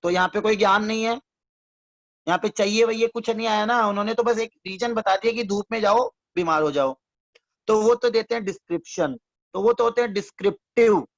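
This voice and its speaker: The lecturer's voice sits high and sounds creaky, moving fairly quickly through a classroom-style economics lesson. He repeats points to explain them, keeps quizzing listeners, and calls them his students affectionately. The recording is dull, dry, and lo-fi.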